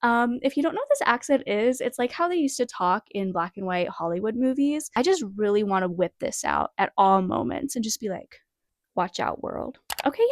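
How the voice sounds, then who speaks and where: A woman's voice: a little high, dry recording, studio quality. A young woman in her twenties chatting casually in a rambling, self-deprecating way, filmed on her phone in her bedroom. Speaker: writing vlogger. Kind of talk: casual vlog chat. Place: bedroom in parents' suburban house.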